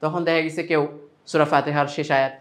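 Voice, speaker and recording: Bangladeshi guy teaching quran letter sounds, a bit high voiced, drags out the example sounds slowly. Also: flat delivery, fairly bright tone. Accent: Bangladeshi Bengali. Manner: slow drawn-out sample sounds between explanations. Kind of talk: step-by-step pronunciation lesson.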